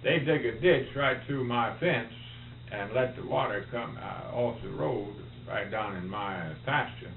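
A man's voice: mid-range voice, measured pace, gravelly. A man in casual conversation, talking in plain, folksy country speech on a tinny, humming tape. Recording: roomy, tinny tape with faint hum.

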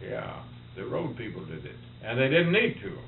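A man's voice: medium pitch, huge pitch swings, normal speed, creaky. A man in casual conversation, talking in plain, folksy country speech on a tinny, humming tape. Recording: roomy, tinny tape with faint hum.

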